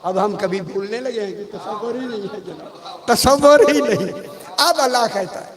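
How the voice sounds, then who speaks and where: High-voiced preacher in a reverberant hall. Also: male voice, moderate pace, a bit bright, a faint crowd. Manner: conversational storytelling, addresses the audience directly. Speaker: religious scholar giving a majlis sermon. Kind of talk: Urdu majlis sermon with anecdotes.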